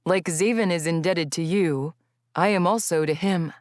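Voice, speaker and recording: A woman voicing a huge, calm male Fae who speaks in a low, relaxed, reassuring way. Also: moderate pace, no room sound, studio quality, close to an everyday voice.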